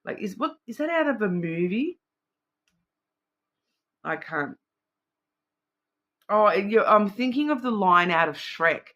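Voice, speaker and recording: A woman's voice: fairly low pitch, fairly bright tone. A middle-aged woman giving a casual psychic card reading, thinking aloud in a rambling, intuitive way. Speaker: card reader.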